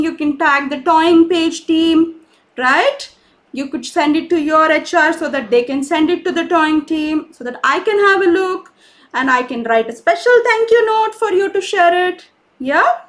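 A woman's voice: very high voice, fairly bright tone. A woman leading a live craft class for children, cheerful and coaxing, often checking in with questions. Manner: cheerful, coaxing, asks kids many questions. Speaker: craft teacher for kids. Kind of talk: live online kids' craft session.

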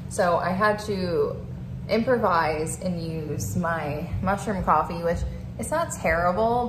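A woman in her thirties chats casually to camera for her home vlog, moving through the kitchen and living room of an apartment. Her voice is lowish, the room is echoey and the background is noisy. She's chatty and filler-heavy, using lots of "like" and "um."

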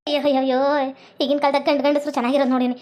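Woman as loud, high, scolding village woman, North Karnataka accent, comic skit. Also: level tone, rapid-fire, close to an everyday voice. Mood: panicked. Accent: North Karnataka Kannada. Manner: wailing, scolding, crying for help. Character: loud, dramatic village woman locked in a cell.

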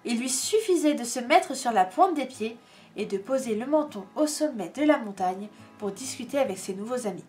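A woman reads a storybook aloud, expressive and measured. Her voice is high, with soft music playing faintly behind her. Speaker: reader.

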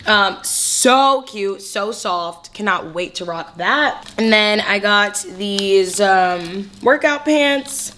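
A woman's voice: medium pitch, animated, slow, few pauses, bright, forceful tone, a little hiss or hum. A young woman in her twenties from California, chatting in a bubbly, slangy way through a clothing haul vlog. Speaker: fashion vlogger.

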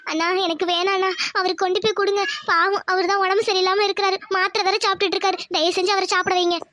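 Woman doing young cartoon wife, very high, bright, quick, tearful pleading. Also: little pitch movement.

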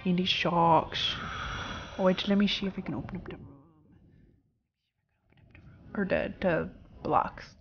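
A woman's voice: on the low side, steady tone, measured pace, pauses often, lo-fi sound, faint music behind. A woman hosting a casual gameplay video, joking around, swearing freely and breaking into silly fake singing. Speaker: gaming video host.

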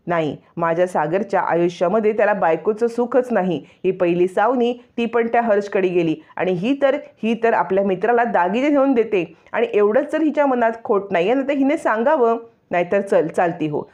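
A woman's voice: mid-range voice, expressive, moderate pace, few pauses, a little mellow, lo-fi sound, natural voice. A woman voicing an angry older mother-in-law who accuses and scolds her daughter-in-law. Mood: angry, accusing.

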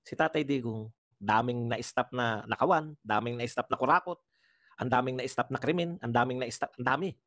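A man's voice: medium pitch, normal speed, fairly bright tone, dry recording, clean studio sound. A man doing livestream political commentary, talking in an impassioned way and firing off rhetorical questions. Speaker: political vlogger.

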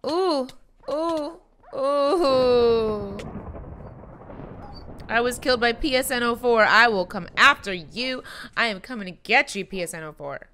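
A young woman commenting on her own video game play in a playful way, talking to the game's animals and making mock threats, with excited yelps. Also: a little high, measured pace, slight background noise. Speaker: gaming channel host. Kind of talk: Minecraft let's-play commentary.

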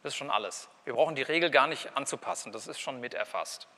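A man's voice: medium pitch, fast talker, bright, forceful tone. A man giving a university linguistics lecture, talking in a conversational way with wry asides and saying example words aloud to show how they sound. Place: lecture hall. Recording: lecture hall with long reverb.

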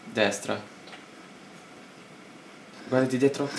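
An Italian man giving a player bossy, excitable directions while commenting on a game. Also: medium pitch, slow, gravelly. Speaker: co-host guiding the player. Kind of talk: casual gameplay commentary. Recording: echoey room, distant mic, noisy.

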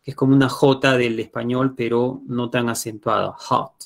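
A man's voice: mid-range voice, flat delivery, moderate pace, creaky. A man with a Peruvian Spanish accent teaching an online class. He explains patiently and keeps checking in with his students. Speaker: English teacher.

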